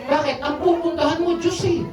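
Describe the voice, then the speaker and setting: High-voiced Filipino woman preaching. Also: fairly quick, over music. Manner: lively call-and-response preaching, asks "Amen?" often. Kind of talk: Tagalog sermon. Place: church service, large echoey room. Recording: echoey church hall, far from mic, noisy.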